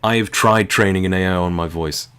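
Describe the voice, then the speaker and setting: A man's voice: low-pitched, fairly even intonation, brisk, fairly bright tone, smooth. A British man with a non-London accent, joking and laughing through casual game commentary. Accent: British, not London. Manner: joking, laughing, dry asides. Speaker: gaming channel host.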